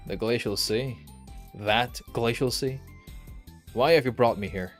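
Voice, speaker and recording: A man's voice: medium pitch, a little fast, faint music behind, natural voice. A man voicing a guarded young girl AI in a game story read-aloud, asking terse, suspicious questions. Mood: wary.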